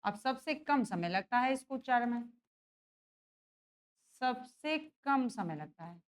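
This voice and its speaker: Woman teacher, high voice, exam-prep lesson; keeps asking the class and answering herself. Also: lively intonation, takes it slowly. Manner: checks in with students often, asks and answers own questions.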